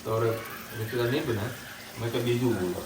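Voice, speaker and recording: A man with a mid-range voice talks quickly and reassuringly in a family vlog shot in his home kitchen. The room is echoey and the background is noisy.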